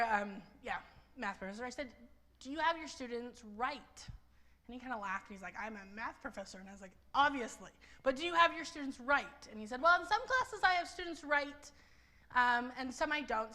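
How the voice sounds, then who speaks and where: A university writing instructor in her thirties gives a conference presentation in a library presentation room, speaking loudly into a clip-on mic attached to her skirt. Her fairly high voice is chatty, full of "um"s, and she often wanders into anecdotes.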